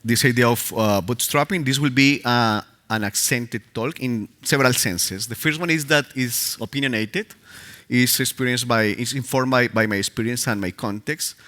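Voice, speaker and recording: On a conference stage, a man whose first language is Spanish gives a live talk with a Spanish accent, hesitant and full of fillers and restarts. His medium-pitched voice sounds pushed and bright, at a moderate pace.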